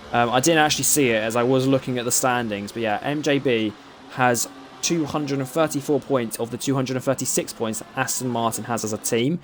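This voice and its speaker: A man's voice: medium pitch, a little hiss or hum. A man with an Essex accent doing live commentary on an online racing league, chatty and often tripping over names and correcting himself. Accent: Essex English.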